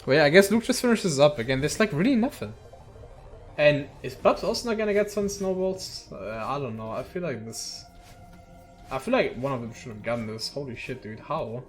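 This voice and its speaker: A man's voice: fairly high pitch, animated, moderate pace, faint music behind. A young man giving casual commentary on a speedrun match, swearing often, laughing and talking to viewers. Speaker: tournament commentator. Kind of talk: casual solo esports commentary.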